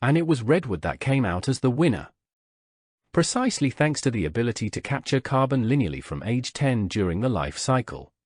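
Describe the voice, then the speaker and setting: A man from Slovakia giving a prepared conference lecture, with a measured, deliberate delivery and rhetorical questions. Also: medium pitch, a little mellow, no room sound, studio quality. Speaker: lecturer, vice president of a research institute.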